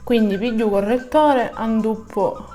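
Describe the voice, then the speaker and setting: A woman's voice: fairly high pitch, measured pace, warm tone, faint music behind. A woman with a southern Italian, Sicilian accent giving a casual, colloquial step-by-step makeup tutorial in dialect, often repeating words for emphasis.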